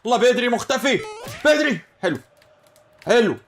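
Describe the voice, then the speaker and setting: Excitable Egyptian man with a high voice. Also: fast talker. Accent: Egyptian Arabic. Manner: excitable, exclamatory, shouting at plays. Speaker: gaming channel host. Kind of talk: football video game commentary.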